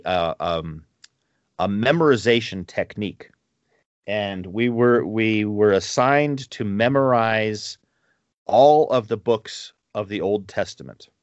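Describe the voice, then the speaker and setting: In his forties, this podcast co-host has a lowish voice and rambles through casual chat, chuckling between asides. There's no echo, though the recording sounds slightly muffled.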